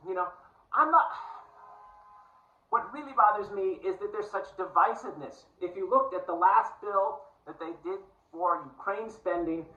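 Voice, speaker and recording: A man from New shares his thoughts in an earnest, rambling vlog. His voice sits high and sounds bright. He is a little away from the mic, in a roomy space with a dull, lo-fi sound. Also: far from the mic. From United States. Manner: musing, digressive, earnest. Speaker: vlogger. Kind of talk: casual monologue to camera.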